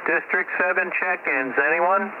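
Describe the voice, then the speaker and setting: A man's voice: high-pitched, unhurried. A man relaying check-ins on an amateur radio net, giving short, clipped replies over a staticky radio transmission. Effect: radio transmission with heavy static. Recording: tinny radio line with loud static.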